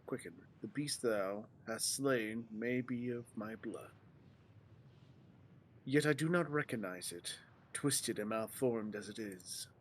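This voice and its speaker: A weary, ancient male dragon speaks in slow, solemn, archaic phrases, voiced by a man reading lines aloud during a game stream. His pitch sits in a middling range. A faint hum runs under the voice. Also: natural voice. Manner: archaic solemn delivery with stumbles from reading on the fly.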